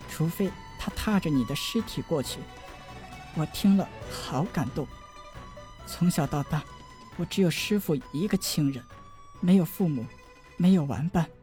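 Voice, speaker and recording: 一位女性在有声书中演绎一个温柔痴情、奄奄一息的年轻女子，说话轻柔断续，带着哭腔。. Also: female voice, on the low side. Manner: soft, halting, tearful. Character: dying gentle young woman, tender and devoted. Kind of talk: audiobook drama reading.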